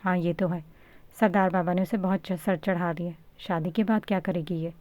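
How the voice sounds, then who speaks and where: Woman reading as a brisk, chiding sister-in-law. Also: on the low side, steady tone, dry recording, highs cut off, natural voice. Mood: disapproving. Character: bossy older sister-in-law, kind but blunt. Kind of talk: storybook reading.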